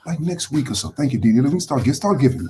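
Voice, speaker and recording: A man's voice: mid-range voice, very animated, quick pace, warm tone, slight background noise. A man hosting a live motivational talk. He speaks conversationally, repeats phrases for emphasis and greets viewers by name as he goes. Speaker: motivational host.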